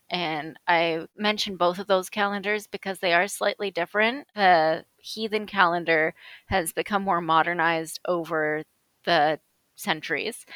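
Bright-voiced woman from Canada. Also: on the low side, no room sound. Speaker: guest. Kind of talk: casual podcast chat.

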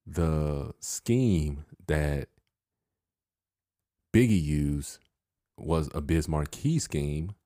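A young man with a very low, deep voice, talking loosely as a podcast co-host. He is relaxed, chuckles often and keeps urging listeners to subscribe. The sound is dry and close, with no room behind him. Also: drawn-out words, pauses often, no room sound. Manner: laid-back, laughs often, plugs the show. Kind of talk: casual chat.

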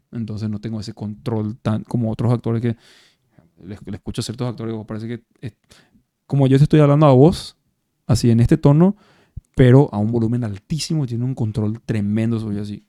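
A man's voice: fairly low pitch, brisk, dark tone, no echo, studio quality. A man with a Paraguayan accent, an actor guest chatting casually over beers, reflective and full of restarts. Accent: Paraguayan Spanish. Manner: reflective, many restarts and tag questions. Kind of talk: casual interview chat. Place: bar or café over beers.

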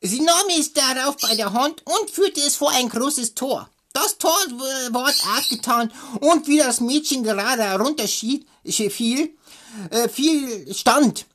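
High-voiced woman reading a fairy tale. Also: a bit bright. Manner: stumbling, with joking asides. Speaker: reader.

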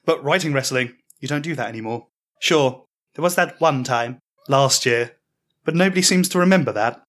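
A man telling a mocking comic story in the second person, with deadpan delivery. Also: medium pitch, normal speed. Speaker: podcast storyteller.

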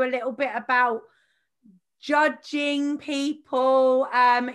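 Bright, high-voiced chatty woman podcast host. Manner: chatty, laughs often, many fillers. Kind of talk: casual podcast chat.

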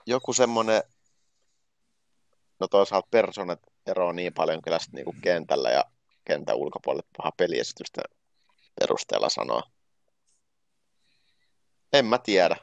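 A man's voice: sits low, lively intonation, creaky, long pauses, dry recording, lo-fi sound. A man co-hosting a casual podcast chat over a remote call, joking and bantering. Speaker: podcast co-host. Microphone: remote call recording.

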